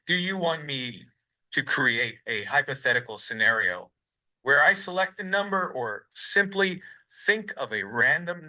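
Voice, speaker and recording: A man's voice: medium pitch, pushed and bright, poor audio. A male-sounding robot voice, synthetic and stiff, answering interview questions in long scripted sentences.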